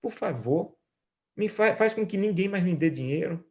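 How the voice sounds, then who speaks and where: A middle-aged man with a Brazilian Portuguese accent preaching a sermon, shifting from hushed lines to lively storytelling. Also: sits high, normal speed. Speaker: pastor.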